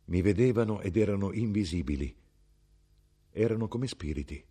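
A man giving a measured, expressive literary reading of a novel. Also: low-pitched, breathy edge. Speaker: audiobook reader. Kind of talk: scripted literary narration.

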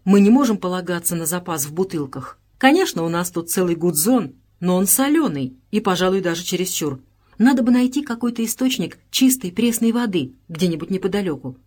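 A woman reading the lines of a practical, determined male engineer in an audiobook, who talks to himself in brisk, earnest bursts. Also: on the low side, animated, darkish tone. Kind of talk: audiobook character voice.

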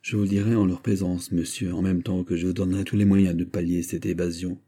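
A man's voice: low-pitched, little pitch movement, fairly quick, mellow. A man playing a proud, ardent minister. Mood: commanding. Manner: ardent, declamatory. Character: powerful male minister, passionate and proud. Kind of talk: audiobook character reading.

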